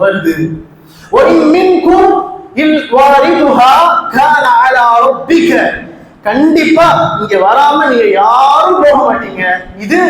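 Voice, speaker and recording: A man with a strikingly high voice delivers an impassioned sermon, slowing down to recite verses and rising to shouts. He sounds very echoey, like a large hall over a public address system. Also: slight background noise. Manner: impassioned, often shouting, reciting Arabic verses slowly then explaining. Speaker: Islamic preacher.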